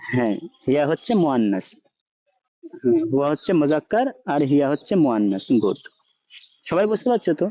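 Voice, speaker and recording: A man's voice: mid-range voice, very animated, fast talker, long pauses, warm tone, dry recording. A man teaching a language class, asking students questions and often checking that they follow, mixing English words into his speech. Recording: dull lo-fi sound.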